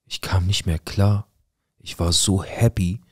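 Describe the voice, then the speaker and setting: A man's voice: deep voice, fairly even intonation, unhurried, dry recording, clean studio sound. A man narrating a viewer's life story in the first person, in a casual, colloquial way that speaks straight to his viewers.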